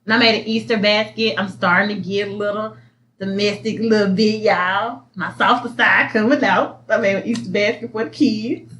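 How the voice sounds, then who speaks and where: A woman's voice: medium pitch, steady tone, normal speed, fairly bright tone, slight background noise. A woman co-hosting a podcast in casual chat, blunt and profane, laughing as she tells stories. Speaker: podcast co-host.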